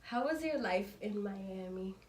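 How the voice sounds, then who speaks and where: A woman asking interview questions in a halting way, full of likes. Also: mid-range voice, expressive, a little hiss or hum. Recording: echoey room.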